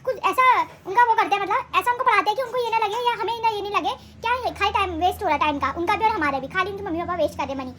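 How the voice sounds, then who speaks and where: Young woman, chatty home vlogger, very high voice, rattles on at speed. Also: very fast, hardly any pauses, background noise. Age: young adult. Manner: rambling, chatty, self-correcting. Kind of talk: casual home vlog chat. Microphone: handheld phone camera.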